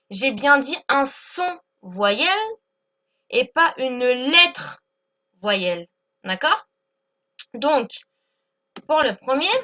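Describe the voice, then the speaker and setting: Bright high-voiced woman teaching grammar. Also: lo-fi sound. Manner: patient, repeats examples slowly, checks with "d'accord?". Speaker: English teacher. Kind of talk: explaining English grammar lesson.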